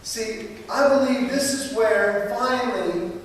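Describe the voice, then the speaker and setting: Male pastor, sermon, animated storytelling, high-pitched, distant mic, long church reverb. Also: takes it slowly, slight background noise. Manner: animated storytelling preacher, acts out voices.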